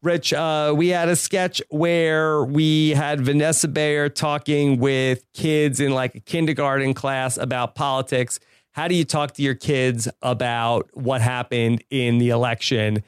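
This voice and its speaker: A man's voice: medium pitch, little pitch movement, measured pace, smooth, dry recording, clean studio sound. A man hosting a recap podcast, leading the chat in an easygoing way with hesitant fillers. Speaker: podcast host.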